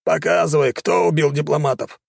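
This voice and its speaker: A man voicing an excitable, scheming male gnome king in an audiobook, exclaiming theatrically. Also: a little high, brisk, gravelly, dry recording, studio quality, pitched above the performer's own voice. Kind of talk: audiobook character voice.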